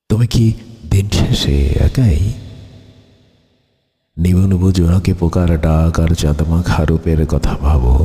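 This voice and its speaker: A man giving a solemn, wistful poetic recitation with lingering pauses. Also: extremely low pitch, warm tone. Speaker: poetry reciter. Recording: long hall reverb.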